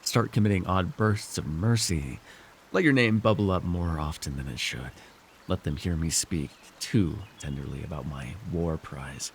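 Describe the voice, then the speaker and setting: In this fantasy ASMR roleplay, a male voice actor takes on a weary, scheming villain lord who muses and pleads. His low voice carries a faint hiss or hum as he speaks theatrically, wry and persuasive, halting often to pause and sigh.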